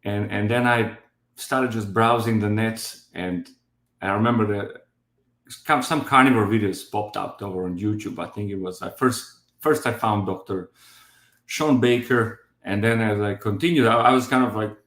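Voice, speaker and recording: In a casual testimonial about his diet, this Croatian man in his fifties speaks hesitantly, filling gaps and restarting often. His lowish voice is a bit bright and moves at normal speed, with a roomy sound.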